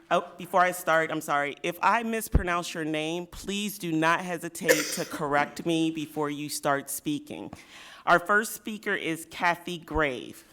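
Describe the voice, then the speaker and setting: A woman chairing a school board meeting, reading procedures politely and apologizing quickly. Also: on the low side, a bit bright, clear, resonant tone. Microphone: table microphone. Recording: noisy meeting-room audio.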